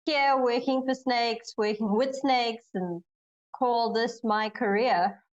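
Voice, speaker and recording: A woman's voice: on the high side, fairly even intonation, slow, muffled recording. Young woman from Zimbabwe over a video call. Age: young adult. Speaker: guest, snake researcher. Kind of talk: interview answers.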